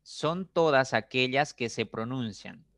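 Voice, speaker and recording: A patient male teacher, recorded dry and close with no room sound. His voice sits at an ordinary middle pitch as he repeats points, checks in with the class, and stretches syllables slowly to make the stress heard. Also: animated, a bit bright, no room sound. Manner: patient, repetitive, checks understanding with "¿listo?".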